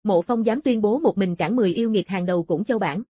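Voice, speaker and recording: A woman narrates a martial-arts fantasy novel in a dark, mellow tone. Her voice is husky and soft at the edges, and the sound is very dry, with no room around it. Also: medium pitch, fast, no room sound. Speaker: audiobook narrator.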